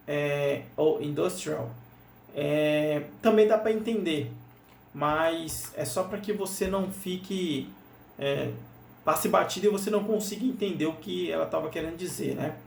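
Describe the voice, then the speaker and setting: A man's voice: on the high side, measured pace, vocal fry. A Brazilian man with a Brazilian Portuguese accent teaches an English lesson, explaining patiently and asking "né?" often. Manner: explains patiently, full of "né?" and repeats. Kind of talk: screen-share lesson walkthrough. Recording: roomy, slightly distant mic, faint noise.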